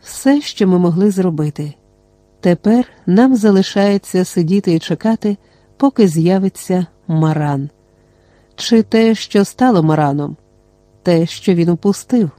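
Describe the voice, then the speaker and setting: A reader voicing a cold, commanding male mage who speaks curtly and flatly in an audiobook. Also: medium pitch, measured pace, dry recording, lightly acted. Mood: grim. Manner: cold, flat, curt.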